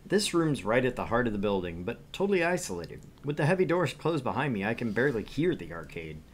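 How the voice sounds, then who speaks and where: Streaming a visual novel, a man reads its narration aloud and chats casually about it. His medium-pitched voice is very animated and brisk, with a little hiss or hum on the recording.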